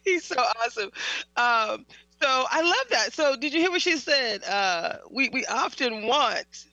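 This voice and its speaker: A woman hosting a conversational interview, animated and quick to laugh, with frequent restarts. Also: on the high side, no echo, dull audio, soft background music. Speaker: host.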